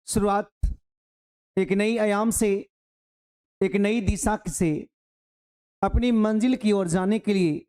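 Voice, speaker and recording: Mellow-voiced male grammar teacher. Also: high voice. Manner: repeats key phrases for emphasis, speaking to students directly; explains slowly through a worked example. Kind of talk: online exam-prep grammar lesson.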